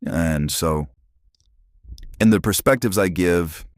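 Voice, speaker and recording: Taking his time, a forties-aged man from Arizona who hosts a channel chats rambly into a phone, starting over again and again. His voice runs through a changer set very deep, and the clean studio audio carries no echo.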